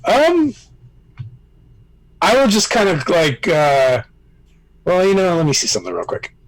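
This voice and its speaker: A man's voice: sits high, huge pitch swings, a little slow, low-quality recording. A man playing a tabletop game, hesitant and thinking aloud before he acts. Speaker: player. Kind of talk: casual tabletop play.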